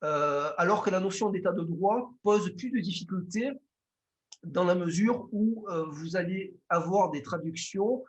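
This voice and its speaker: A man's voice: sits high, a little slow. A man with a Marseille accent giving a formal conference lecture as a lawyer, hesitant, with frequent fillers and restarts.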